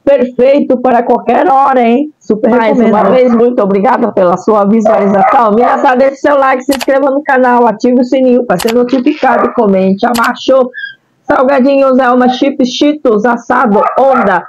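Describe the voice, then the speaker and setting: A woman's voice: on the high side, brisk, few pauses. A Brazilian woman vlogger in middle age doing an upbeat snack review to camera, exclamatory and sprinkling in Japanese greetings, on a lapel mic. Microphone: clip-on lapel mic. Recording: muffled audio with clear background noise.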